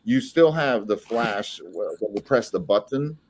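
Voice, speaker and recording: Costa Rican man, low-voiced, rambling. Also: a little slow, slight background noise. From Costa Rica. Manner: relaxed, rambling with restarts and laughs. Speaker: guest, flow artist and saber maker. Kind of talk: casual podcast interview.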